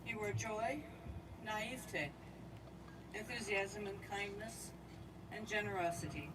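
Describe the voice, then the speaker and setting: A woman delivers a heartfelt eulogy at an outdoor memorial, talking directly to the friend she lost. Her voice sits in a middle register and is picked up from some distance. Steady background noise carries through the open air. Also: mid-range voice, slow pace. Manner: heartfelt, speaks straight to the departed friend. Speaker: eulogy speaker.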